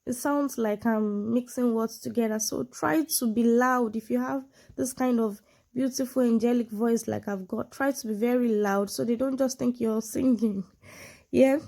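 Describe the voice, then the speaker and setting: A Nigerian woman tutoring online for English exams gives an informal talk to camera, explaining with examples. Her voice is on the high side, steady and at normal speed, sonorous but creaky with a dark tone, and carries a Nigerian accent; English is her second language after a Nigerian one. She often checks in using "yeah" and "you know".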